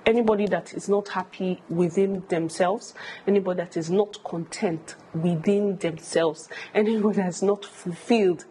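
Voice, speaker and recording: Speaking to camera from a furnished room in her home, a woman in her thirties with a Nigerian accent answers viewer questions as a vlogger. Her advice is candid and emphatic, with phrases repeated for emphasis. The voice sits on the low side, warm and steady at normal speed, over poor audio with slight background noise.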